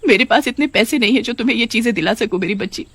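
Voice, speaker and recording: A woman's voice: on the high side, fast, a bit bright, breathy edge, no echo, voice pushed up. Brief: tender grieving witch-mother, voiced by a woman, pleading, dry close sound, cartoon story. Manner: pleading, emotional.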